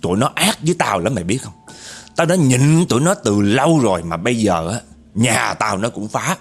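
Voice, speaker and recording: A man voicing a vengeful, wronged female ghost, speaking in a deep raspy voice with bitter, accusing growls. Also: sing-song, moderate pace. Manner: bitter, accusing, growling through clenched teeth.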